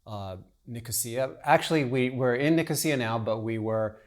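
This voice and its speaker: A middle-aged man hosting a travel podcast with his sons, recounting events in a relaxed, meandering way. His voice sits at an ordinary middle pitch. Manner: relaxed, storytelling with pauses and fillers. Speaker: podcast host, travel writer. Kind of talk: casual chat.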